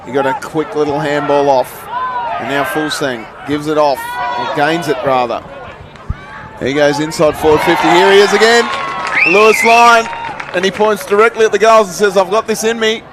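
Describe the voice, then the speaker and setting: Man, Australian accent, live football commentator, fairly high voice, excitable, outdoor ground with noisy crowd. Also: moderate pace. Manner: excitable, shouts at goals. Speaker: sports commentator. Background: crowd and outdoor noise.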